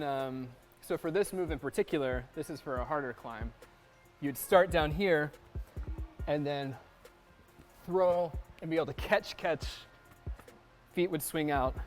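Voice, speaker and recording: A man who sets climbing routes, explaining his work in a calm way with some fillers. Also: on the high side. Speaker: climbing gym route setter. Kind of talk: explaining on camera.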